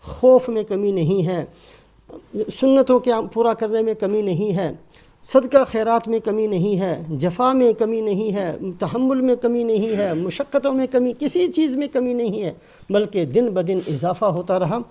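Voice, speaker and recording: A man's voice: sits high, animated, warm tone. An older man giving a sermon with Quran commentary, emphatic and rising and falling, breaking into Arabic recitation.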